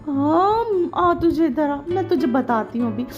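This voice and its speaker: A woman's voice: high voice, expressive, lo-fi sound, faint music behind. A woman voicing a scolding, sarcastic middle-aged village mother who nags her daughter. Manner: nagging, mocking, slowed emphatic scolding.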